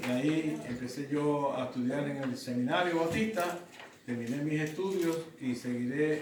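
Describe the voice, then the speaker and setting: A middle-aged man, a pastor teaching a Bible study in a conversational way with rhetorical questions and frequent restarts. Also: on the high side. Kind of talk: Bible study lesson with personal testimony. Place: church classroom. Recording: roomy, distant mic, faint noise.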